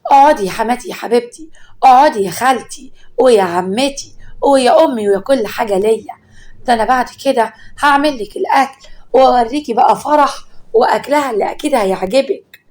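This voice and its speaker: Woman playing a scheming young wife, Egyptian accent, honeyed, flattering, higher voice. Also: fast talker, lightly acted. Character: scheming sweet-talking young second wife.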